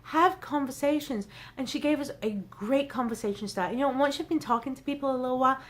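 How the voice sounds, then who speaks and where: Bubbly high-pitched motivational woman vlogger. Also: fairly quick. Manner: bubbly and emphatic, swings between loud bursts and near-whispers; laughs often, self-deprecating. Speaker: social media vlogger. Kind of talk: excited motivational vlog recap.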